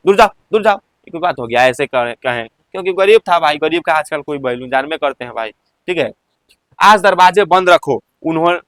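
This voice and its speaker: A man with a Bihari Hindi accent is teaching a school Hindi lesson and keeps tossing questions to his listeners before he answers them. His voice sits a little high for a man. The recording is close and dry, with no room sound. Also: a bit bright, dry recording. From Bihar, India. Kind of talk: explaining Hindi class exercises to students.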